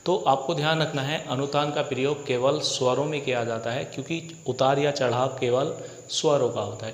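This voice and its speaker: A man gives an exam-prep lecture in a hall with a long echo. He asks the class questions and answers them himself, then goes back over each point slowly. A faint room hum sits under his voice. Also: on the high side. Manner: repeats key points slowly. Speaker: Hindi teacher.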